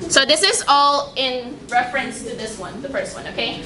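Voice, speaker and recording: A woman's voice: high-pitched, moderate pace, a crowd in the background. Chatty young woman in an echoey room. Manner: casual, chatty, frequent fillers and restarts. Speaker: lab researcher giving public science talk. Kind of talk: informal public science talk. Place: library meeting room. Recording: echoey room with background noise.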